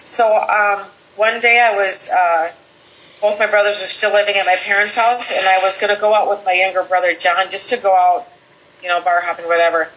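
Bright-voiced woman telling her story. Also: mid-range voice, a little fast. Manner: animated, quoting others in lively voices. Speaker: guest. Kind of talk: personal storytelling in conversation. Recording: slightly dull lo-fi audio with faint background hiss.

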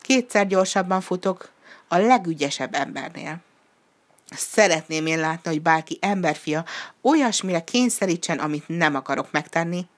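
A woman's voice: on the low side, lively intonation, lightly acted. A woman doing a huffy, proud storybook cow. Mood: haughty. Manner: huffy, haughty. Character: proud hurried cow, thinks herself wisest.

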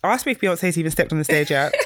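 A young woman guesting on a podcast, telling stories in an expressive, dramatic way while laughing. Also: sits low, fast, crowd noise. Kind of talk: casual chat.

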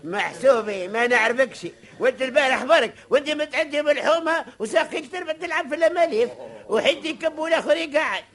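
A very high-pitched Tunisian man, a fussy and scolding Hajj from an old radio show. He banters and argues theatrically, with a taunting edge. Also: quick pace, a bit bright.

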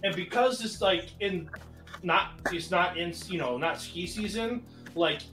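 A man's voice: high voice, a little slow, echoey room, music in the background. A man co-hosting a casual podcast, telling a rambling travel story full of fillers. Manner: rambling, animated, many fillers. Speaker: podcast co-host.

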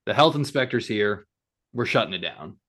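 A man's voice: on the low side, animated, normal speed, fairly bright tone. A young man co-hosting a sports podcast, chatting casually and laughing often between playful bits. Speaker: podcast co-host.

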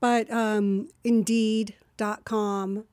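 A woman's voice: medium pitch, level tone, very slow, darkish tone, slight background noise. A woman from New Jersey, a voiceover artist chatting as an interview guest in a rambling way, full of asides. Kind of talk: casual interview chat.

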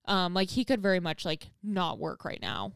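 A young woman co-hosting a casual chat with a friend, talking fast and loose with lots of "like" and some swearing. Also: fairly low pitch, animated, smooth, dry recording, clean studio sound. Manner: chatty, says "like" often, swears freely. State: expecting a baby. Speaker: podcast co-host.

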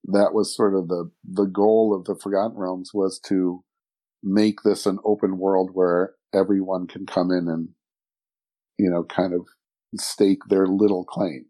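Middle-aged male podcast guest, low mellow voice, thoughtful, circles back and restarts often. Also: level tone, measured pace. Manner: reflective, rambling with frequent restarts. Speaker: guest, fantasy author and editor. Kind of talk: podcast conversation.

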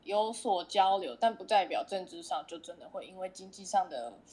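A woman's voice: fairly low pitch, lively intonation, normal speed, dark tone, husky. A woman co-hosting a casual world-affairs chat, listening closely and asking follow-up questions. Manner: attentive, questioning, frequent backchannel. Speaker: co-host.

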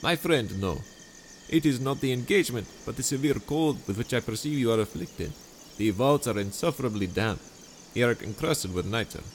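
A man voicing a crafty nobleman who flatters and feigns concern in a smooth, mock-solicitous way. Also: medium pitch, moderate pace, a little hiss or hum, voice pushed up, natural voice.

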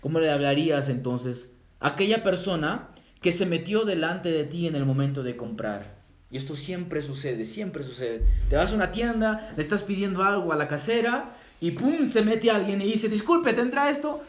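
Male pastor, preaching emphatically with a slightly high voice, recorded in a roomy space. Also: expressive, moderate pace. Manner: emphatic preaching, repeats key phrases, asks the congregation "right?". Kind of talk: sermon. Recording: roomy, dull lo-fi sound.

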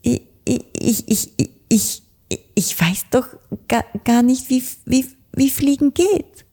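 A woman's voice: fairly low pitch, animated, drawn-out words, mellow, husky, heavily acted. A woman voicing a timid little male blackbird in a children's audiobook, stammering nervously over his words. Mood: stammering, scared. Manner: stuttering.

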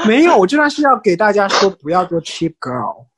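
Speaking high and a little fast, his voice slightly rough and without room sound, the podcast co-host trades animated gossipy tales, blending Chinese and English.

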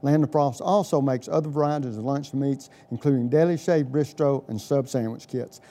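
Mellow man reading a sponsor spot. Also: mid-range voice, moderate pace. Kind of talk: scripted sponsor read.

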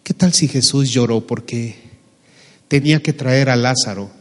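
A man's voice: medium pitch, normal speed, in a large hall. A man preaching a sermon as a pastor, speaking conversationally with asides and jokes.

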